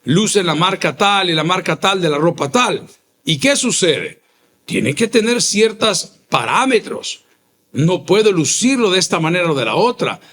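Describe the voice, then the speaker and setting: A male pastor, preaching a sermon with emphatic repeated phrases and sudden rises in pitch. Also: sing-song, moderate pace, a bit bright. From El Salvador.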